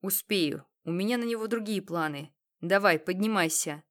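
A woman's voice: medium pitch, normal speed, a bit bright, natural voice. A crude gangster boss with a lisping drawl who barks his orders, as a woman reads him in an audiobook. He sounds menacing and coarse. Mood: commanding.

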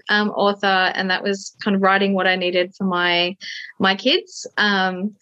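A woman author answering interview questions in an earnest, steady way, with frequent pauses. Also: mid-range voice, dry recording. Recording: dull lo-fi dry sound.

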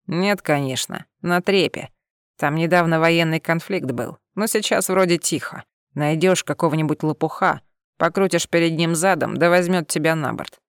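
A woman reading an audiobook, voicing a gruff, scornful cat-eared alien man in a lowered voice. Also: normal speed, dry recording, studio quality. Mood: curt.

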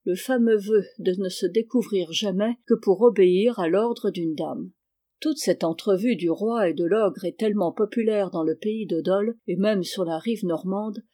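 An audiobook reader narrating a historical novel. The storytelling is even and measured, in a warm, dark tone. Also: medium pitch.

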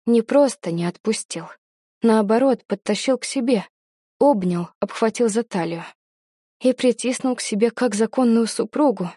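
A woman reads a novel aloud in the first person, lively and wry. Her voice is mellow and dark, recorded close and dry with no room around it. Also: on the high side, moderate pace, breathy edge, no echo. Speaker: audiobook narrator. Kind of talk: first-person storybook narration.

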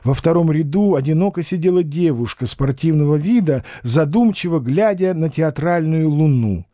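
A man reading a novel aloud as an audiobook narrator, expressive and acting out the characters. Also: on the high side, normal speed, no echo, studio quality.

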